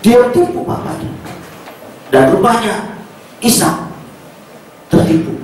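A male pastor preaching a sermon, telling a story in an animated way and often addressing the congregation. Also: high-pitched, slight background noise. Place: large church hall. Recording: echoey church hall, distant mic, faint ambience.

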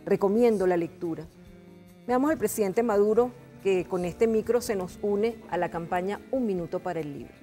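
A middle-aged woman with a Venezuelan accent presenting a book programme in an earnest, measured way. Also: mid-range voice. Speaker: TV host. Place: TV studio. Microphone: lapel mic. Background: music.

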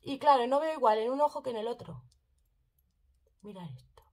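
Brief: bright-voiced woman vlogger, chatty makeup demo addressed to viewers. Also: on the high side, lively intonation, normal speed. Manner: chatty, addresses viewers directly, fond of diminutives. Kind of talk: casual makeup tutorial chat.

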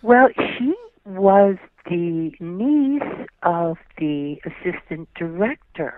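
An older woman, a guest actress recalling memories in an interview, speaks in a lowish voice with lively intonation. She is gracious, draws out her words, and says yes often in affirmation. Her voice arrives over a thin, tinny phone line and sounds dry, with no room around it.

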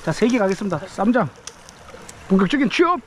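Quick-paced and very animated, a high-voiced fishing vlogger chats and exclaims to himself as he eats and fishes on a rocky riverbank at night and in the day. His casual narration is captured on a head-mounted action camera against a noisy background.

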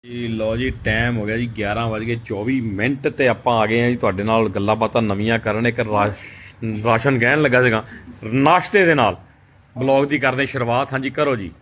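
A man's voice: mid-range voice, fairly even intonation, fairly quick, a bit bright, slight background noise. A man hosts a casual family vlog, chatting and politely addressing viewers. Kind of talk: casual home vlog chat. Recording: home vlog with busy background chatter.

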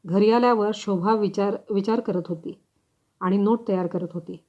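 A woman reading a short story aloud in a measured, expressive storytelling manner, on a slightly dull recording. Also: mid-range voice. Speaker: story reader. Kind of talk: audiobook story narration.

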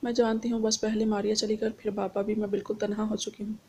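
A woman's voice: mid-range voice, level tone, fast, breathy edge. A woman reading the lines of a lonely, grieving young woman student. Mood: sad. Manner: sorrowful, then sharp when cornered.

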